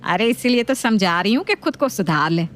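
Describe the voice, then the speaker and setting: A woman's voice: lively intonation, lightly acted. Woman doing a nagging old mother-in-law. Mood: scolding. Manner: scolding, slow and lower-voiced.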